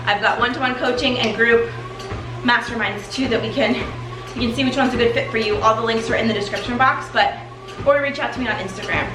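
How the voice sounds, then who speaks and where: A weight loss coach and host walks in place for exercise while giving her followers a motivational, conversational talk. Her fairly high voice stays fairly even and moves fairly quickly, in a very echoey room with music clearly playing underneath.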